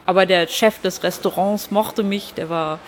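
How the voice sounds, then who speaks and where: Speaking at a normal pace in a steady, lowish voice, a Hamburg-born comic artist reflects on her life during an interview, hesitating with fillers now and then. Some faint background noise is audible.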